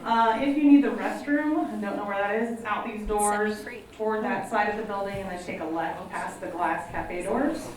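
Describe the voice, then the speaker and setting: The director of a college counseling program welcomes an audience in a college event room and reads prepared bios to introduce the speakers, sounding friendly and slightly apologetic. Her mid-range voice moves at a moderate pace with hardly any pauses, and the handheld mic catches her from a distance in a very echoey room.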